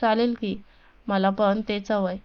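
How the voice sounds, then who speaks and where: A woman's voice: medium pitch, little pitch movement, measured pace, clear, resonant tone, dull audio, natural voice. A woman voicing a playful young man who teases his fiancée affectionately, in a storybook reading. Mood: teasing. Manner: teasing, affectionate.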